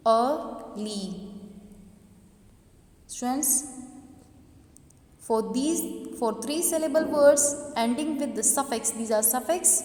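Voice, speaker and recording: Woman English teacher, fairly high voice, echoey room. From Pakistan. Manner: slow, deliberate, repeats and stresses example words loudly. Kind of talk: classroom grammar lecture. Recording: echoey hall with long reverb.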